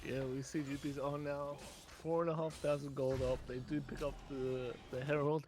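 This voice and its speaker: A man calling esports play-by-play from his own room, rapid and rising in pitch during fights. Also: level tone, darkish tone, low-quality recording. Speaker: play-by-play caster.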